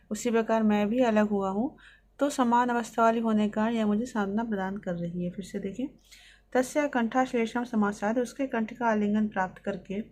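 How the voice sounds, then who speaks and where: A woman teacher reading Sanskrit lines and explaining each one, in a steady line-by-line lesson. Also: on the high side.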